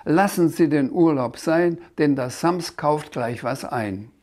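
A man voicing a cheeky, impatient, childlike creature in a storybook reading, loud and insistent. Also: fairly high pitch, slow pace. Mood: demanding.

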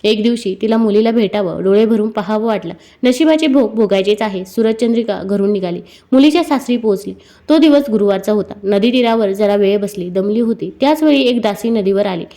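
A woman reading a devotional story aloud, with a rhythmic, measured recitation. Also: medium pitch, mellow.

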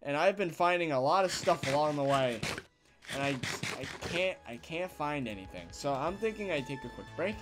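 Gaming guy doing let's play commentary, slightly high voice, jumps all over, loud outbursts then mumbles to himself, kinda tired. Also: normal speed, over music. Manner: excitable, thinks out loud, swings between loud exclamations and quiet muttering. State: yawning, tired. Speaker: gaming channel host.

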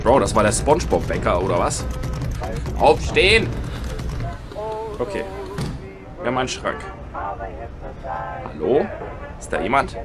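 Excitable joking young-sounding guy, music behind. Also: on the low side, unhurried, long pauses. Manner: excitable and joking, swings from loud outbursts to hushed nervous mutters. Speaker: YouTuber reacting to scary videos. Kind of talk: casual reaction commentary. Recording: music playing underneath. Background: background music.

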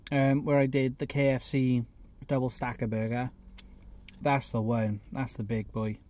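A man reviewing a fast food burger in a chatty, casual vlog, sometimes talking with his mouth full, sitting in a parked car. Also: mid-range voice, flat delivery, dark tone. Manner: chatty, eats while talking, self-deprecating asides. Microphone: phone camera.

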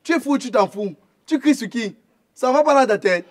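An actor playing a confrontational eldest brother who mocks an intruder. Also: male voice, very high-pitched, expressive, moderate pace. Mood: mocking. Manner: mocking, confrontational. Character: protective young man, eldest brother of the family.

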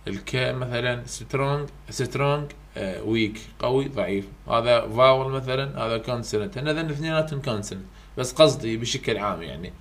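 A man's voice: medium pitch, fast talker. Iraqi guy tutoring, walks through exam questions, mixes in english words, talks casually. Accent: Iraqi Arabic. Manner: casual, repetitive explaining, mixes English terms into speech. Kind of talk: exam-prep lesson.

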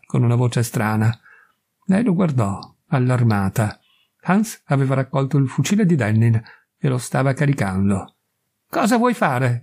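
Gravelly male audiobook narrator. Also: mid-range voice, darkish tone. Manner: measured, unhurried storytelling. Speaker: audiobook reader. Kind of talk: scripted narration.

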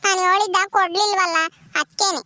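A woman's voice: extremely high pitch, steady tone, fairly quick, bright, forceful tone, no echo. A woman voicing a naive, stubborn young woman in a cartoon, speaking in a sulky, childlike whine.

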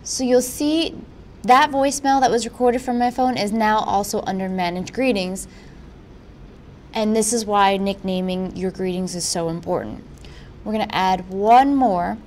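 A woman presenting a software tutorial in an informal, instructional way. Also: mid-range voice, normal speed, a little hiss or hum. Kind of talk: software walkthrough narration.

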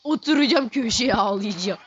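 A male gaming host giving casual, excitable commentary while he plays, teasing the game characters and chanting words over and over. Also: very high-pitched, moderate pace, slight background noise. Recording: slightly dull lo-fi recording.

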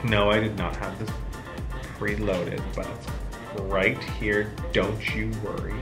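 Low-voiced man in an echoey room. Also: level tone, slow pace, over music. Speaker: video co-host. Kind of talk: casual chat with a partner. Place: small room indoors.

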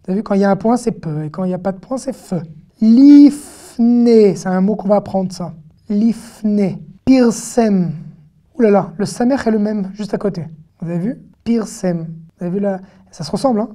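A woman giving an online lesson, chatty and lively, talking straight to her viewers with frequent "hop" and "hein" asides. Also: medium pitch, very fast. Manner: addresses the viewer directly. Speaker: Hebrew teacher.

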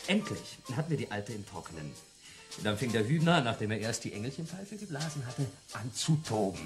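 A man's voice: mid-range voice, big pitch swings, a little fast, soft background music, close to an everyday voice. An actor playing a cheeky young male student who eagerly tells friends a wild story, laughing and mimicking voices in a radio play. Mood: amused storytelling. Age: young adult. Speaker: schoolboy telling friends his adventure. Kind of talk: German radio play acting.

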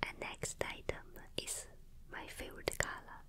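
Slow whispering young woman, ASMR. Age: young adult. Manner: slow, soft, unhurried whispering with pauses. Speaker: ASMR host. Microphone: close studio microphone with foam windscreen.

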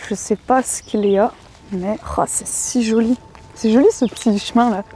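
A young woman vlogging chattily outdoors while exploring an abandoned place, often dropping to a hushed voice. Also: on the high side, steady tone, normal speed, a little hiss or hum. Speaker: urbex vlogger. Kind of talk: casual vlog narration with sponsored segment.

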